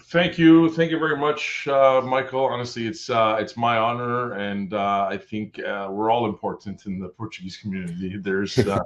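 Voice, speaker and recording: A man's voice: fairly low pitch, steady tone, normal speed, hardly any pauses. A middle-aged Canadian man talking casually as a podcast guest, rambling and full of restarts and fillers. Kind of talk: casual conversation. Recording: dull lo-fi sound.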